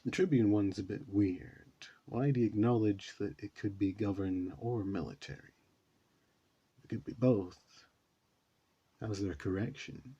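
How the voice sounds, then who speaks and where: A man's voice: fairly low pitch, unhurried, dark tone, husky, lo-fi sound. A man hosting a reaction video, talking casually and rambling with many fillers. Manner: rambling, says you know a lot.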